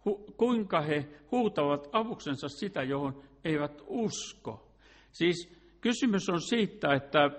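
A man preaching a sermon in an earnest way, asking rhetorical questions and sometimes restarting a phrase. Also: on the high side.

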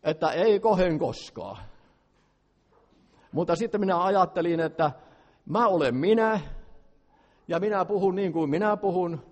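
A man's voice: high-pitched, expressive, pauses often. An older man preaching a revival sermon with a big, fervent voice and plainspoken asides. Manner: loud, fervent, plainspoken with self-deprecating asides. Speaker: lay preacher. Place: large meeting hall. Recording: long hall reverb.

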